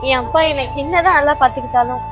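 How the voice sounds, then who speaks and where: An actress playing Maha, a tender young woman longing for her mother, soft and emotional, with music under the dialogue. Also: sits high, fast, close to an everyday voice. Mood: sorrowful. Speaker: young woman in love, college student. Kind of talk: romantic web series acting.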